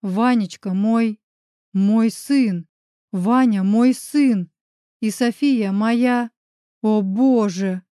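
A woman voicing a shaken young father, speaking slowly and emotionally, in an audiobook. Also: mid-range voice, fairly even intonation, warm tone, dry recording, clean studio sound, close to an everyday voice. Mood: overwhelmed. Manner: slow, emotional, halting.

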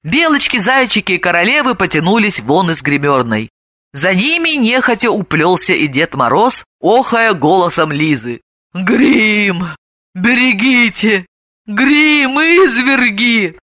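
A woman narrating an audiobook with lively, comic storytelling. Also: fairly low pitch, normal speed, no room sound, clean studio sound. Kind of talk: expressive audiobook reading.

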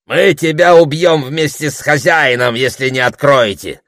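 A man voicing a threatening young male armed raider in an audiobook, loud and menacing. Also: on the high side, moderate pace, no echo, clean studio sound, pitched above the performer's own voice.

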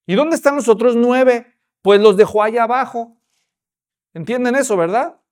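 A man preaching a sermon as a pastor, telling the story with animated, acted-out voices. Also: very high voice, normal speed.

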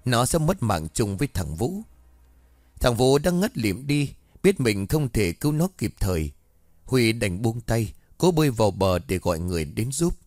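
A man narrating a ghost story in a lively storytelling manner. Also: medium pitch, normal speed, no room sound, clean studio sound.

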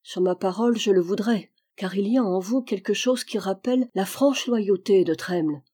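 A woman's voice: mid-range voice, moderate pace, warm tone, husky, natural voice. A woman reading the part of an old, devoted male valet from Brittany in an audiobook, earnest and loyal in manner.

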